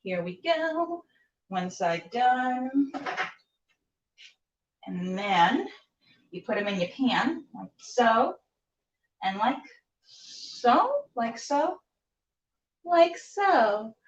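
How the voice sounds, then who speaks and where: A woman hosts a cooking show on a live stream, chatting casually and playfully to camera while cooking indoors, rambling and talking to herself. Her fairly high voice is sing-song, with drawn-out words and long pauses. The sound is roomy, distant, and dull, like a camera mic.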